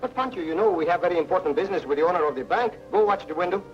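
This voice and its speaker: An actor playing a charming, gallant male hero who talks in smooth, flowery compliments. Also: high voice, expressive, rapid-fire. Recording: dull old TV soundtrack with music.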